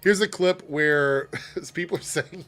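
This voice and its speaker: A man's voice: fairly high pitch, slow pace, slight background noise. A man hosting a casual livestream chat, reading viewer messages and laughing often. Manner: chatty and animated, laughs often. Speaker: livestream host.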